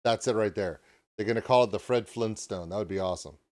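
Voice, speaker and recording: Rambling, excitable reaction host, male. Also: on the low side, fast. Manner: rambling and excitable, jokes at his own expense. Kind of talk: reaction commentary.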